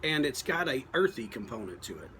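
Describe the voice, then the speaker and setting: A man giving a casual, unscripted product review, thinking aloud in a halting, folksy, plain-spoken way. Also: mid-range voice, very animated, sharp tone, a little hiss or hum. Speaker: pipe tobacco reviewer.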